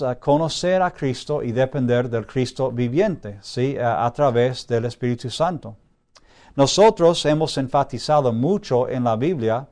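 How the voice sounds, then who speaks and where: Man lecturing slowly with "ah" fillers. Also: mid-range voice, a little mellow. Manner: checks in often with a questioning "¿sí?"; frequent drawn-out "ah" fillers while thinking. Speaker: Bible institute teacher. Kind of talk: classroom lecture.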